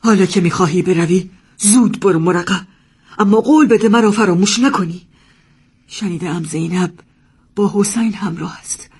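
A man's voice: sits high, expressive, husky, voice pushed up. A man voicing an anxious, stern middle-aged mother who speaks firmly and pleads with her son. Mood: resolute. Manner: pleading, then firm and resolute.

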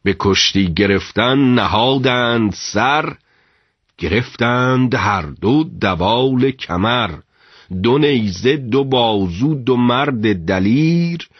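A man voicing a fervent male chanter of a traditional wrestling house, reciting verse in a slow rhythmic chant. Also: medium pitch, animated, husky, dry recording, highs cut off, voice pushed up.

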